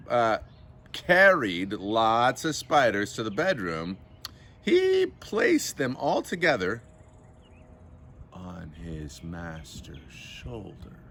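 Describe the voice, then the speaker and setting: A man teaching Latin, reading a story aloud to his class in a slow, theatrical way and translating line by line. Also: lowish voice, vocal fry, a bit bright, slight background noise.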